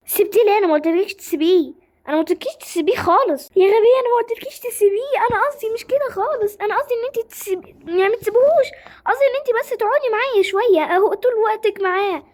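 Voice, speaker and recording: A young woman with an Egyptian accent voicing a jealous, sharp-tongued teenage girl who scolds her friend in a doll-game drama. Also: rapid-fire, close to an everyday voice. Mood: scolding. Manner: scolding, high-pitched.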